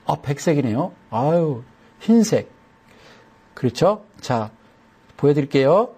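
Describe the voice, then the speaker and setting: A man's voice: a little high, very animated, takes it slowly, mellow, husky. A man giving a chatty broadcast lesson on stock chart settings, repeating each step and slipping in folksy jokes.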